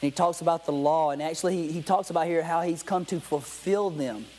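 A pastor preaching to a congregation in a slightly high voice. He reads scripture aloud and talks plainly with his listeners, stopping to ask them questions. A faint hiss sits under the recording. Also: fairly quick, a little mellow, low-quality recording. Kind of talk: sermon.

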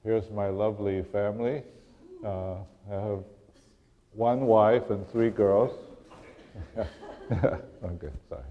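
A middle-aged Taiwanese man delivers a sermon as a visiting preacher, his voice fairly low and his tone steady. He talks haltingly, frequently starting over and occasionally clearing his throat. The recording sounds muffled.

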